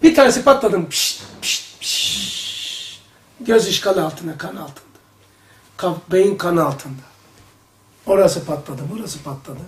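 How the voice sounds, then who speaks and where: A man teaching a religious study circle, talking in an animated way with exclamations and rhetorical questions. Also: sits high, normal speed, long pauses, a little hiss or hum. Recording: echoey room, voice from a distance.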